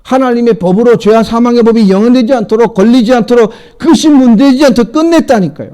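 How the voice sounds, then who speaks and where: A middle-aged pastor preaching with a high-pitched male voice. He fires questions at the congregation and drops from loud emphatic lines to quiet asides. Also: quick pace. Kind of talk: sermon.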